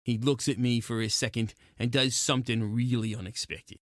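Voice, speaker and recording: A man's voice: medium pitch, fairly even intonation, moderate pace, no room sound, clean studio sound, natural voice. A man playing a hot-tempered, wisecracking penguin private eye, narrating in clipped gumshoe slang for a noir radio play. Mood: brooding narration. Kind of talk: noir narration, 1940s radio detective acting.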